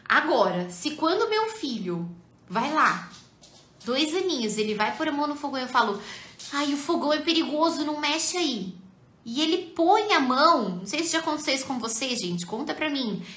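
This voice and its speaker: A Brazilian woman talks to parents in a high, bright voice that swings widely in pitch. She is animated and keeps turning to her viewers. The sound carries the echo of a hard room. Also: moderate pace. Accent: Brazilian Portuguese. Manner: animated, addresses viewers directly. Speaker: parenting educator and mother. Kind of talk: live talk to parents. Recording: echoey room.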